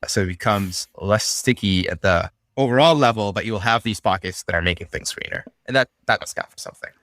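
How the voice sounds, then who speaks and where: A young man from Syria, a podcast guest, talking through ideas in a relaxed, thoughtful way with frequent fillers. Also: on the low side, brisk, no room sound, clean studio sound. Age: young adult. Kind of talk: casual conversational interview.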